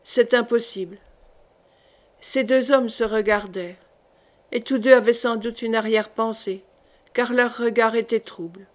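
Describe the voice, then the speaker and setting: A woman reads a historical novel aloud at a measured, even pace. Her voice sits fairly high, and her diction stays clear and literary. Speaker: audiobook reader.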